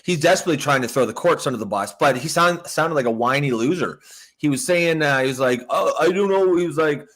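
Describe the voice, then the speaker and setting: A man's voice: mid-range voice, quick pace, a bit bright. A man co-hosting a political talk show, chatting casually and bluntly, swearing and reading out viewer comments. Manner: blunt, profane, reads out chat comments. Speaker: podcast co-host.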